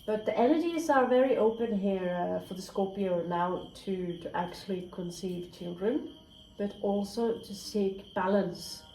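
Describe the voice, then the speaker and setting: A woman with a mellow, mid-range voice gives a casual tarot reading at a measured pace, chatting candidly, swearing freely and slipping into whispered asides. The room echoes, with slight background noise and faint crickets.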